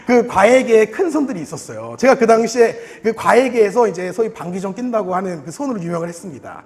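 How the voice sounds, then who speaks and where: Lively high-voiced man preaching in a hall. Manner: animated storytelling, acting out his younger self, laughing. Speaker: pastor. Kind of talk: sermon with personal story. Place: church sanctuary. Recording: reverberant church hall.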